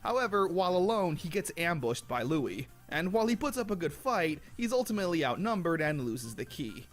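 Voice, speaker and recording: A man's voice: on the high side, very animated, a little fast, soft background music. A young man hosting and narrating a scripted episode recap with wry, sarcastic commentary. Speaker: host.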